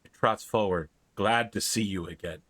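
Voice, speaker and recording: Male game master, bright forceful voice, dry sound, tabletop game narration. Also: lowish voice, normal speed, no echo.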